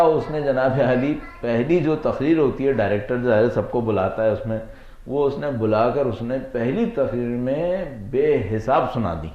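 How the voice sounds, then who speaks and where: A male cleric with a Pakistani Urdu accent delivers a religious lecture, weaving slow anecdotes and rhetorical questions. The recording is dull and lo-fi, and the voice rings in an echoey room. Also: medium pitch. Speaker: Shia cleric.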